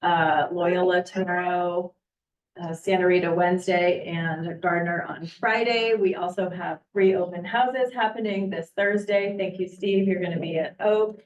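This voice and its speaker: A woman superintendent giving a casual, chatty update at a school board meeting, often pausing with ums and uhs. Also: fairly low pitch, fairly even intonation. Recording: echoey, distant, muffled meeting audio.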